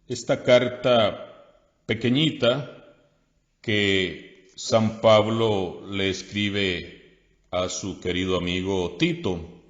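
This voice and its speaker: A Costa Rican priest reading scripture aloud in a slow, measured way, then preaching a homily. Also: male voice, on the low side. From Costa Rica. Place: parish church. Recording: dull lo-fi audio with long church reverb.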